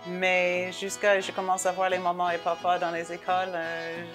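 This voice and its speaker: A woman's voice: lowish voice, monotone, normal speed. A woman giving her opinion candidly in an interview. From Louisiana, United States. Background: soft guitar music.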